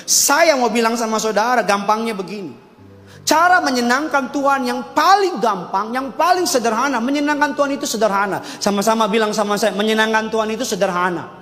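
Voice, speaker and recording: High-voiced preacher man. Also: brisk. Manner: animated, joking storytelling preacher. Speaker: pastor. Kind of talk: lively sermon with call and response. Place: church service. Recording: long hall reverb, faint music behind.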